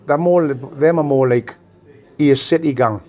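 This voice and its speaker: An older Geordie man answers questions as an interviewee, looking back on his life. He talks in a halting way, often repeating his phrases as he goes. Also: fairly high pitch, mellow. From Newcastle, England. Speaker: former gang member being interviewed. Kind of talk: reminiscing interview talk.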